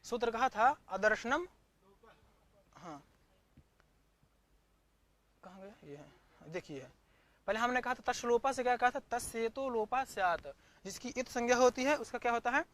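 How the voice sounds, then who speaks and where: A man's voice: very high-pitched, moderate pace, long pauses, a bit bright. Man teaching Sanskrit grammar online. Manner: asks questions and answers them himself, repeats terms; searches the screen for notes aloud mid-lesson. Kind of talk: online class lecture. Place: online class.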